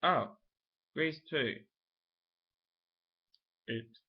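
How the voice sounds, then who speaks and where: A man's voice: a little high, very slow, slightly rough. Rambling young man on a dull recording. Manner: rambling, thinking aloud with many restarts. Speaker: vlogger. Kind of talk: casual vlog chat.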